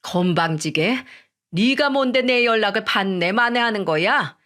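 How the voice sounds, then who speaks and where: A woman's voice: mid-range voice, lively intonation, unhurried, fairly bright tone. A woman voicing a rude, greedy older mother-in-law who scolds and bosses in a coarse way, in a read-aloud story. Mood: scolding. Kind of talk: storytelling radio drama reading.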